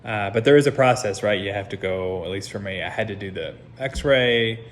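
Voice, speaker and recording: An American man recording a casual update as a patient just out of surgery, talking in a subdued, halting, hesitant way as he pieces things together. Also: lowish voice. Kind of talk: casual personal vlog. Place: seated at home, talking to camera. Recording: noticeable background noise.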